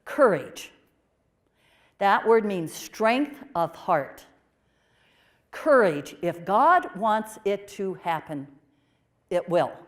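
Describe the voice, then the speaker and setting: A woman portraying a pioneering 1830s nun, telling her story in the first person with expressive swings from emphatic to hushed. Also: medium pitch, drawn-out words, pauses often. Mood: earnest. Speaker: performer of a historical portrayal.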